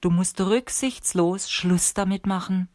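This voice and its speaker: A woman reading the lines of a calm, stern old male sorcerer teacher in a measured, instructive way for an audiobook. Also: mid-range voice, no echo, studio quality, lightly acted.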